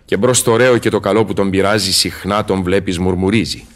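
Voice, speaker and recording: A man's voice: sits low, fairly even intonation, natural voice. A man playing Faust, a learned, solemn old scholar, declaiming and musing aloud in verse in a Greek radio drama. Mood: gently chiding.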